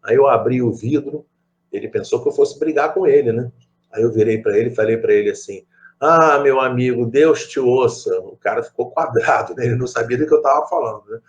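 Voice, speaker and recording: A fast-talking middle-aged Brazilian man with a Rio de Janeiro accent runs a spiritist study session, his stories wandering into asides and repeated phrases. His mid-range voice is a little mellow, and the sound is lo-fi.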